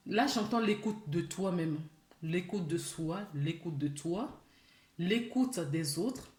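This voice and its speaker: A woman delivers a spiritual guidance reading at an unhurried, deliberate pace, talking straight to the listener and asking many searching questions. Her mid-pitched voice carries a roomy echo. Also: a little mellow. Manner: slow, questioning, addresses listener directly. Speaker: spiritual channeler.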